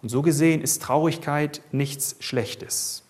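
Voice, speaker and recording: A man's voice: fairly high pitch, unhurried, a little mellow. Earnest German-speaking male preacher. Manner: earnest, conversational with tag questions. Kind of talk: sermon.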